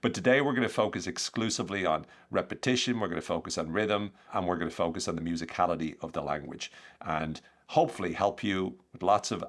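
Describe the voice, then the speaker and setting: A man hosting a podcast, explaining techniques in an energetic, conversational way with lots of examples. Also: sits low. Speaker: podcast host, communication coach.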